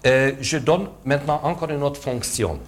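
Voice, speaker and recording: A man coaching string players in rehearsal, halting with fillers, switching between English and French and vocalizing sounds to demonstrate. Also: on the high side, soft background music. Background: string instruments playing.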